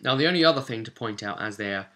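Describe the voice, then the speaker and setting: A fast-talking man with a fairly low, animated voice and a bright, forceful tone hosts a tabletop roleplay primer. His tutorial is informal and chatty, as though teaching the rules to a newcomer, often pausing to ask "okay?" or "right?".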